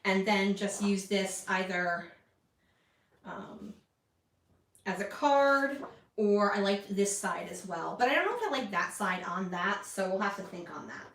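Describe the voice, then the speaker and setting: A woman's voice: mid-range voice, expressive, measured pace, a bit bright. Woman chatting away while scrapbooking, rambly, sounds a bit far off in a roomy space. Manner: chatty and rambling, self-deprecating asides. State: hiccuping. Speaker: scrapbooking vlogger. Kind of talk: casual chat while crafting.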